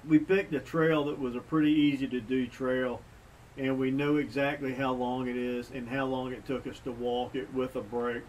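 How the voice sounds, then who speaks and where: A middle-aged man who hosts a bushcraft channel chats from an outdoor front porch in a casual sit-down vlog, relaxed, folksy, and plain-spoken. His medium-pitched voice runs at normal speed, picked up by a camera mic a few feet away with faint outdoor ambience and a little hiss or hum.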